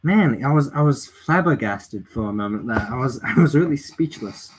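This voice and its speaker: A man's voice: medium pitch, expressive, normal speed, a little hiss or hum. A man casually commenting on a livestream, exclaiming and swearing freely with frequent laughs. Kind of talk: casual live-stream commentary.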